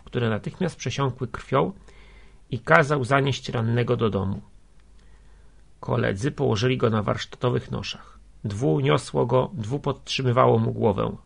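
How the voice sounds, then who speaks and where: A man narrating a literary story in a measured, steady way, with a gravelly, husky voice. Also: mid-range voice. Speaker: audiobook narrator.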